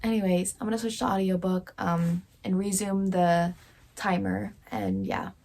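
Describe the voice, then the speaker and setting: A woman's voice: medium pitch, steady tone, normal speed, vocal fry, darkish tone. A young woman casually vlogging about books, tired and chatty, with lots of filler words. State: tired, yawning. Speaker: book vlogger. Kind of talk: casual vlog to camera.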